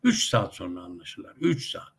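A middle-aged man talks through his commentary in a gravelly, husky voice. He chats along with frequent hesitation sounds and now and then climbs into emphatic, rising outbursts. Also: low voice, wildly swooping pitch, normal speed. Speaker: commentator on a web TV channel. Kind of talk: casual spoken commentary with anecdotes.

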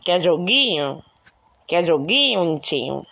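A woman's voice: fairly low pitch, a little slow, vocal fry. A woman casually commenting while playing a virtual pet game, cooing and baby-talking to her pet. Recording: steady background noise.

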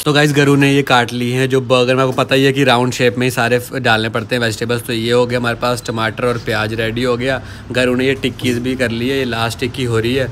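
This vlogger's mid-range, a-bit-bright voice holds a level tone as he talks fast with hardly any pauses. He's filming a home cooking vlog on his phone, keeping the chat casual, playful and teasing, with a little hiss or hum in the background.

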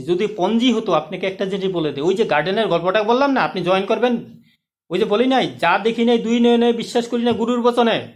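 A man with a high-pitched voice walks viewers through an online money-making plan in a loose, chatty way. He speaks persuasively, calls the listener friend and keeps stopping to ask if they are following along. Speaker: online income plan promoter. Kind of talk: casual explanatory video talk.

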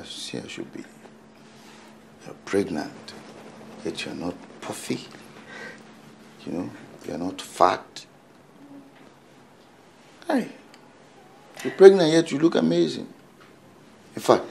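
A slow, very deep man, teasing and full of flattery. His gravelly voice swings widely in pitch, over a faint background hiss. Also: full character voice. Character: flattering, talkative male family friend. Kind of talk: film acting.

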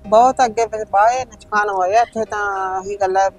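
An actress playing an older village aunt who questions and consoles the family. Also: female voice, medium pitch, steady tone, a little fast, natural voice, poor audio. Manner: sympathetic, asks questions, calls others son.

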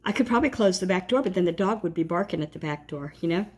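A middle-aged woman with a slightly low voice chats at home, thinking aloud and drifting into little asides. Her talk is relaxed and conversational, and it is picked up by a phone camera pointed down at a table. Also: fast, slightly rough. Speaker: vlogger. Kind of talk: casual chat reviewing a grocery flyer.

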